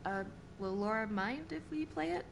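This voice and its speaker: An actress playing a teasing, slightly shy young musician in naturalistic video game acting. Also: female voice, fairly high pitch, expressive, normal speed, creaky, noisy background. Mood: hesitant, shy.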